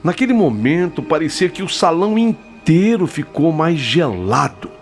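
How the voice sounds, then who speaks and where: A man narrates a spooky first-person story in a fairly high voice that swings widely in pitch. He builds suspense with frequent pauses. Clear music plays beneath his telling. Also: very animated. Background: background music.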